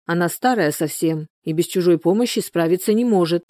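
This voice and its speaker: A woman's voice: lowish voice, a little fast, dark tone, no room sound, clean studio sound, natural voice. A woman reading the part of a hot-tempered village wife and mother who scolds sharply. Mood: scolding.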